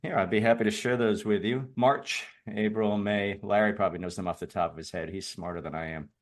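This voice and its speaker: A man's voice: fairly low pitch, fairly even intonation, a little fast. A congested man with a rattly chest-cold voice hosts a casual online meeting, jokey and rambling. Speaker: host of an online community meeting.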